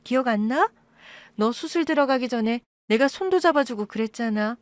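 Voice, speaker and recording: A woman voicing a cold, bitter young daughter who accuses her birth mother in a quiet voice, in an audio drama. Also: on the high side, expressive, normal speed, dry recording, clean studio sound, pitched above the performer's own voice, close to an everyday voice.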